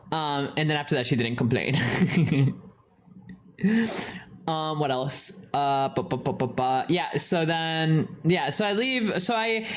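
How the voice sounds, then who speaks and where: A young woman casually telling a long, rambling story. She swears often and repeats her phrases. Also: low-pitched.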